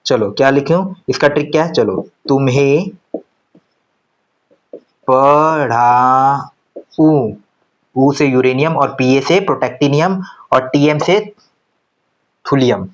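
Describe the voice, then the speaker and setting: A man teaching chemistry in a casual lecture style. He talks conversationally and keeps firing quick questions at students, then answers them himself. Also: medium pitch, rough recording. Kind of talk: classroom lecture.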